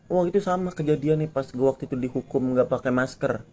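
A man's voice: mid-range voice, fast, warm tone, slight background noise. A young man co-hosting a casual podcast, telling a story in slangy, swearing chat. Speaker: podcast co-host.

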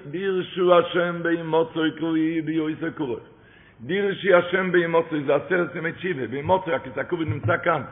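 Male preacher, emphatic and repetitive, chanted quotations; thin phone-quality sound. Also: a little high. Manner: emphatic, repeats key phrases, quotes sources in a chanting cadence. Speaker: rabbi. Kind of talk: sermon. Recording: tinny phone-like recording.

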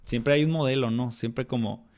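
A man's voice: mid-range voice, normal speed, a little mellow. A man with a Mexican accent, a mentor of children, talking in a casual interview in a colloquial, reflective way full of slang. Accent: Mexican Spanish.

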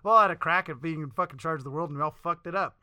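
Laid-back co-host, bright tone, swears a lot, laughs a lot, midrange pitch. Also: racing, no room sound, studio quality. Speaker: podcast co-host. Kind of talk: casual chat.

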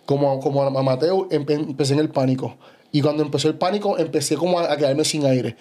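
A man's voice: on the high side, a little fast. A young adult man with a Puerto Rican Spanish accent, a bodybuilder guest telling stories animatedly in a casual podcast chat, peppering his talk with "you know". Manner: animated storytelling, frequent "¿sabes?".

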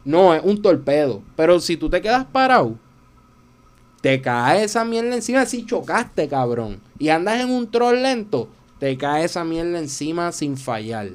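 A man with a Puerto Rican accent, hosting a casual chat and telling animated, profane stories. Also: fairly high pitch, measured pace. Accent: Puerto Rican Spanish. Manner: animated, profane, acts out his own anecdotes. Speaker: podcast host.

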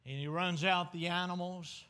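A male pastor preaching a sermon with dramatic swings between loud bursts and hushed asides. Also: high-pitched, steady tone, moderate pace, clean tone.

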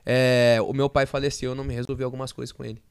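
A young Brazilian man on a podcast, telling a personal story in a slang-filled, animated way. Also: mid-range voice, quick pace, clear, resonant tone, no echo, studio quality. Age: young adult. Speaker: podcast guest. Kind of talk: casual storytelling.

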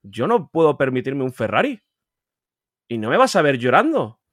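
A man from Spain with a Spain Spanish accent, a collector guest talking casually on a podcast, emphatic and animated, repeating words and swearing freely. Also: moderate pace, no echo, clean studio sound. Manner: animated, pitch jumping up when insisting. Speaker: guest, video game collector.

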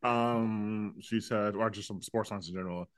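A man's voice: on the low side, fairly even intonation, moderate pace, no room sound, clean studio sound. A man co-hosting a casual album-review chat, laughing often and dropping his voice to quote lyrics. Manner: laughs often, filler-heavy, drops quieter to quote lyrics. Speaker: podcast co-host.

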